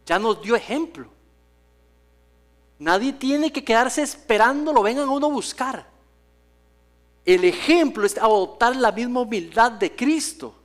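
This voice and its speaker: A man's voice: extremely high pitch, expressive, unhurried, long pauses. A male pastor preaching a sermon in a church, telling stories with humor and acting out the voices he quotes. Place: church sanctuary.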